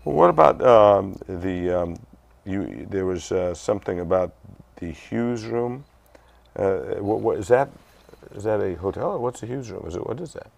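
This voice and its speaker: A man's voice: fairly low pitch, lively intonation, normal speed, vocal fry, a little mellow. An older man hosting a music show interview, rambling and folksy, with many uhs and restarts. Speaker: show host. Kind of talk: casual interview.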